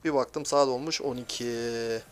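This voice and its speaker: A young man giving excitable, grumbling commentary while playing a mobile game, swearing at teammates. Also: medium pitch, a little slow, smooth. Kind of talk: live gameplay commentary.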